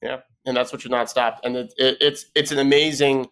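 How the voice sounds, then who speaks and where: A man's voice: medium pitch, flat delivery, brisk, fairly bright tone, clear, resonant tone. A man from Canada hosting a podcast, chatting casually and teasing, often restarting his sentences. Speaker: podcast host. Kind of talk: casual chat.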